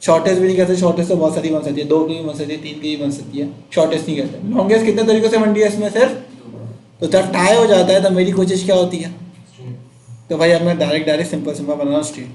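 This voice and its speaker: A man's voice: a little high, fairly even intonation, rapid-fire, a little mellow, echoey room. A man teaching chemistry to a class, quizzing students and counting out numbers as he explains.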